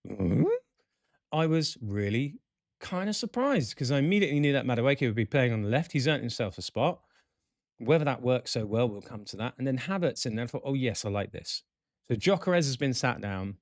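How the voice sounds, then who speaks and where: A man hosting a chat show, excitable and talkative. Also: medium pitch, brisk, no echo, studio quality. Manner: excitable, chatty, animated. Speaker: podcast host.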